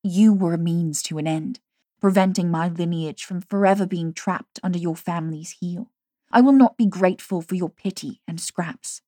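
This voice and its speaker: A woman's voice: fairly low pitch, steady tone, moderate pace, warm tone, no echo, clean studio sound, close to an everyday voice. A woman narrator voicing a bitter, vengeful young woman who speaks with cutting scorn. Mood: cold.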